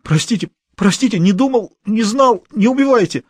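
Panicked petty thief, high strained voice, frantic, repetitive pleading, storybook reading. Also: male voice, expressive, brisk, no room sound. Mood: begging. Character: terrified petty male thief, pleading and babbling.

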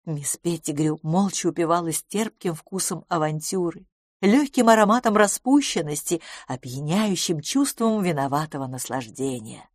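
A woman reads an audiobook in an expressive, gently ironic way, close to a studio microphone. Her voice sits on the low side but moves in lively curves. The recording is dry with no room echo. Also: moderate pace. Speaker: audiobook narrator. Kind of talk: scripted audiobook narration.

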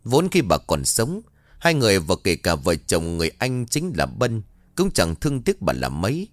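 A man's voice: on the low side, wildly swooping pitch, normal speed, no room sound. A man narrating a ghost story in a dramatic, scripted storytelling manner.

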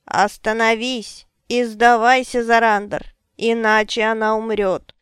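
A woman's voice: on the high side, flat delivery, unhurried, clean tone, dry recording, clean studio sound, natural voice. A woman voicing a cruel old woman who threatens her captive, hissing her demands in an audiobook. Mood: threatening.

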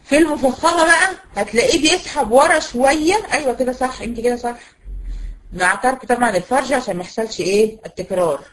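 A woman with an Egyptian Arabic accent teaching a tajweed lesson. She poses questions and answers them herself, and drills sounds slowly and patiently. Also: on the high side, a little hiss or hum, low-quality recording. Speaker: Quran recitation teacher.

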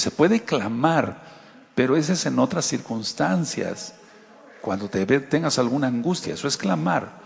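Gravelly Mexican man preaching in a hall. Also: mid-range voice. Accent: Mexican Spanish. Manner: conversational preaching, rhetorical questions to the congregation. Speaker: Torah teacher. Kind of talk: sermon.

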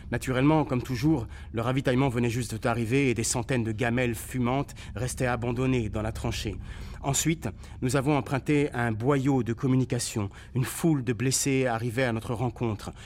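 A man giving an expressive, dramatic reading of a war memoir for radio, voicing the sounds of shells and cries. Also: medium pitch, slight background noise. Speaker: reader on a radio documentary.

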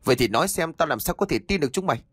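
A man voicing a cruel, vengeful young man in a ghost story, snarling insults in fast, harsh bursts. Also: on the high side, animated, a bit bright, husky, no echo, clean studio sound, pitched above the performer's own voice. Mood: furious.

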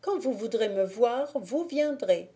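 A woman voicing a gentle, innocent young peasant woman who speaks softly, in an audiobook. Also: on the high side, lively intonation, unhurried, pitched above the performer's own voice. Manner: soft and gentle. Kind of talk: audiobook character reading.

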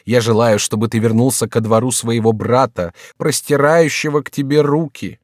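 A man's voice: medium pitch, moderate pace, dry recording, studio quality, voice pushed up, lightly acted. A man reading aloud, voicing a scheming aging queen mother who sounds tender while demanding obedience. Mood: coaxing. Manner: falsely tender, imploring tone.

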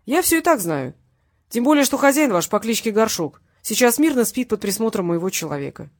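A woman's voice: on the high side, big pitch swings, fairly quick, dry recording, clean studio sound. A woman narrator voicing a cocky hitman in a crime audiobook. He taunts his enemies in a light, good-natured tone, and every word carries a threat. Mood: mocking. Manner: genial tone over threats. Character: cocky male hitman, mocking and menacing.

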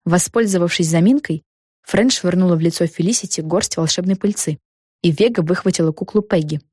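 A woman's voice: fairly low pitch, a little fast, husky, dry recording, studio quality. Woman narrating a children's audiobook. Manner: lively expressive storytelling. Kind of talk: scripted narration.

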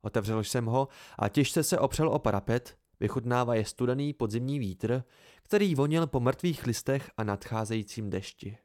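Reading a first-person fantasy novel aloud, this amateur audiobook narrator has a medium-pitched male voice. His storytelling stays measured and even.

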